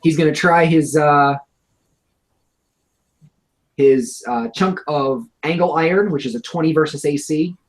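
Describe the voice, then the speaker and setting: A man's voice: on the high side, unhurried, long pauses, rough recording. A man running a tabletop game as game master over a video call, narrating with wry humor and calling rules. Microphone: home computer mic on an online video call.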